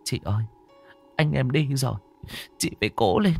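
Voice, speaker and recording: A man voicing a middle-aged woman who gently comforts her grieving sister. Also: mid-range voice, animated, moderate pace, gravelly, breathy edge, faint music behind, voice pushed up. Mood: soothing. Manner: soothing, coaxing.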